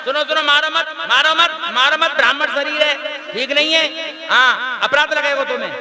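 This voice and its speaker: Brief: male actor for a bickering comic brahmin cowherd, very high voice, open-air stage. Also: moderate pace. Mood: teasing. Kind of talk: live folk devotional theatre. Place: outdoor stage before a crowd. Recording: loud crowd noise outdoors.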